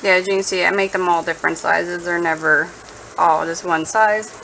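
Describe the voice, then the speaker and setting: On the low side and gravelly, her voice has a sharp tone and fairly even intonation at normal speed. A home cooking vlogger, she chats casually and playfully as she cooks, thinking aloud over a noisy kitchen full of sizzling food.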